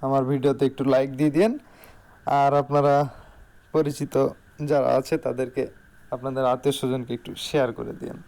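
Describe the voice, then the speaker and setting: A man's voice: medium pitch, level tone, fairly quick, gravelly, pauses often, warm tone. A man with a Bangladeshi accent giving an informal salesman's product showcase in voice-over, repeating key phrases for emphasis. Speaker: shop salesman.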